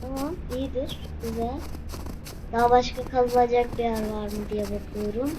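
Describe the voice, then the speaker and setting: A woman's voice: on the high side, little pitch movement, moderate pace. A young woman giving casual, slangy commentary while playing a game, exclaiming and teasing as she goes. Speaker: gameplay streamer. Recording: noisy background.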